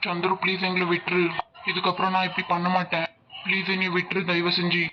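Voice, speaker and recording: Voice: medium pitch, monotone, quick pace, close to an everyday voice. A voice actor playing a cowardly male thug boss in a cartoon who begs in a Tirunelveli Tamil accent. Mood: begging. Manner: begging, whiny. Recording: dull lo-fi audio with hiss.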